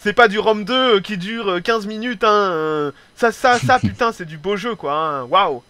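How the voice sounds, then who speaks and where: A man casually commentating a strategy game replay, excitable, swearing freely and tagging his sentences with little filler words. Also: high voice, unhurried, no echo. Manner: excitable, swears casually, peppers speech with "hein"; hesitant restarts and repeated words.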